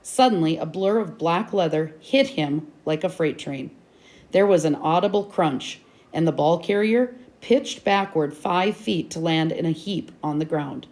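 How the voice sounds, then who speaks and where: A woman's voice: sits low, unhurried, a little mellow. Woman reading a chapter book aloud.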